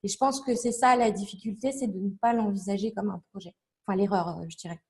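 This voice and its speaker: A young woman, a language learning blogger appearing as an interview guest, talks casually and at length at a quick pace. Her voice is medium-pitched and darkish, with fairly even intonation, and she uses many fillers and restarts while explaining with examples.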